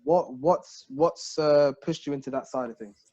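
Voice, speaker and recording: A man hosting an interview in a casual, excitable way, often restarting his sentences. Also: on the high side, normal speed, muffled recording. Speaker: host.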